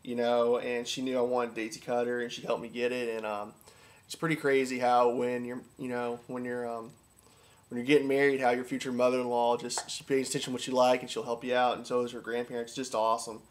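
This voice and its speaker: A man's voice: mid-range voice, little pitch movement, brisk. A man giving a casual, enthusiastic how-to talk in an informal, repetitive way, as an instructor. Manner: informal, repetitive, enthusiastic about his subject. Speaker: duck calling instructor.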